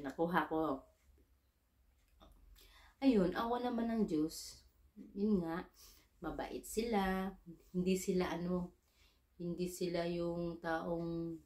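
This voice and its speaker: Speaking from a roomy-sounding space, this woman from the Philippines has a fairly low, dark voice. She works as a domestic helper overseas and chats through an easygoing story, mixing English into Tagalog and voicing her own dialogue.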